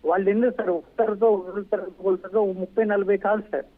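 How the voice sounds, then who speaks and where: A man calling in by phone, distressed and halting, heard over a tinny phone line. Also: high voice, level tone. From Andhra Pradesh. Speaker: caller. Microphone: phone call.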